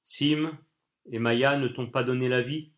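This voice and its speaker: A man voicing a calm, wise old poet. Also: medium pitch, close to an everyday voice. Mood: grave. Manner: calm, measured, grave. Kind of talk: audiobook reading.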